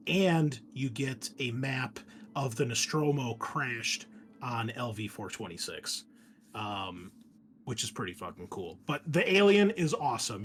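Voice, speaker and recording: A man with a medium-pitched, fairly bright voice hosts and runs a tabletop game as its game master, speaking casually, enthusiastically, and conversationally with plenty of swearing.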